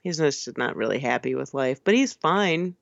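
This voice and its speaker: A woman's voice: a bass voice, lively intonation, moderate pace, creaky, dry recording. Chatty film podcast woman, lo-fi. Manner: chatty, laughs often, many fillers. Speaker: podcast co-host. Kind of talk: casual film discussion. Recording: slightly dull lo-fi sound.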